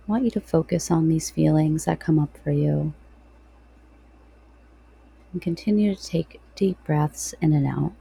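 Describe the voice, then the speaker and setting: Female meditation guide: soft, soothing, unhurried, with a mellow tone and creaky edges. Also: low-pitched. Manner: soft, slow, soothing delivery with long pauses. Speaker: podcast host.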